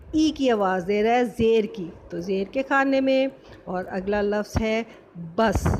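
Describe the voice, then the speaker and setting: Slow, patient woman teacher spelling. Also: fairly high pitch, darkish tone, a little hiss or hum. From Pakistan. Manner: slow, syllable-by-syllable spelling with quiz questions. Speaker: primary school Urdu teacher. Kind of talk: recorded classroom lesson.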